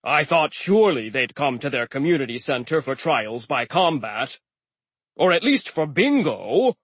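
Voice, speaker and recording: An audiobook narrator voicing a huge stone giant who is cheerful about killing, with a rumbling voice and slow, lively delivery. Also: male voice, breathy edge, dry recording, exaggerated voice. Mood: cheerfully menacing. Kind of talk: audiobook character voice.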